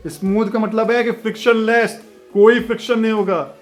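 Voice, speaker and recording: A man's voice: high voice, flat delivery, faint music behind. A man giving an online physics lesson in a chatty style, often checking in with his students. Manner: chatty, keeps asking "theek hai bachchon"; reads the question aloud slowly. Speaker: physics teacher.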